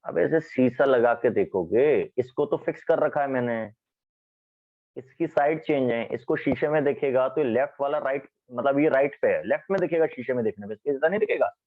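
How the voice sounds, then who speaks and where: A man teaching chemistry in a classroom lecture, lively, often asking students questions. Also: medium pitch, brisk, phone-quality sound.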